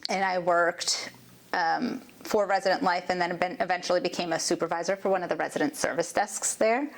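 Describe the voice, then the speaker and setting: A woman's voice: fairly low pitch, fairly even intonation, brisk, vocal fry. A woman judge from Maryland, talking casually about her childhood and school years, laughing easily. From Maryland, USA. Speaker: judge, interview guest. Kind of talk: casual interview conversation.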